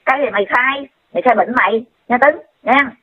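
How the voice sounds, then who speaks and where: A woman's voice: on the high side, brisk, slightly rough. A woman lecturing someone insistently over a phone call, repeating her advice and scolding. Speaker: commentator addressing someone directly. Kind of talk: casual lecturing call-in talk. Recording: tinny phone line.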